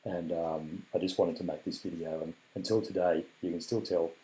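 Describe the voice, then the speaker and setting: Weak from illness and recovering, an Australian cancer patient records a rambling, sincere video update packed with ums and thanks. His deep voice is scratchy and warm, with fairly even intonation, and he talks at a normal speed.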